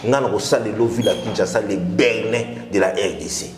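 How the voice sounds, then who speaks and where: A man's voice: lowish voice, normal speed, slight background noise. Emphatic man, echoey room. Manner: emphatic, mixes French and Lingala. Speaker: political guest. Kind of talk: political talk show discussion.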